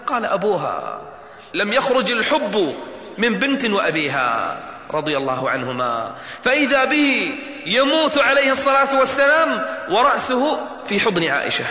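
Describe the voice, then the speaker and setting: A man delivering an emotional sermon, dropping to a hush and rising again, chanting verses in a slow melodic voice. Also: sits high. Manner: dramatic, swings between hushed and raised voice, chants Quran verses. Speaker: preacher. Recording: echoey hall reverb.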